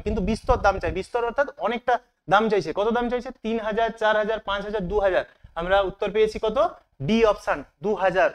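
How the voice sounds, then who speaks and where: A male teacher with a fairly high voice works through an exam paper, question by question. He asks the class each question and answers it himself a moment later. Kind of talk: online exam-prep lesson.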